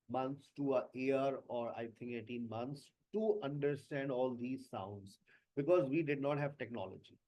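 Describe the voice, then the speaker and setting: A male spoken English teacher talking casually to his students, switching between Hindi and English and addressing them directly. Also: mid-range voice. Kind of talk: casual lesson talk. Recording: dull lo-fi recording.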